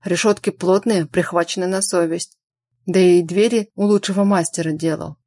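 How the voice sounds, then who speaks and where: A woman voicing a frightened grey-haired old innkeeper who talks in anxious, hoarse bursts. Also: lowish voice, fairly even intonation, moderate pace, mellow, no echo, natural voice.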